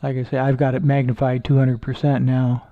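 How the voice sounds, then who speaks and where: A man with a gravelly, low-pitched voice talks easily to his viewers, pausing and restarting as he goes. His voice comes through a somewhat dull, dry computer mic, close and free of any room sound. He sounds unhurried and homespun. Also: no room sound. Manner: relaxed, halting, with many fillers and restarts. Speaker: amateur astronomer streaming live. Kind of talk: casual live-stream chat with viewers. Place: indoors at home.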